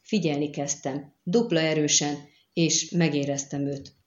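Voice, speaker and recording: A woman voicing a wary young woman telepath and spy who talks low and guarded, in an audiobook reading. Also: fairly even intonation, echoey room, muffled recording, close to an everyday voice. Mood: explaining.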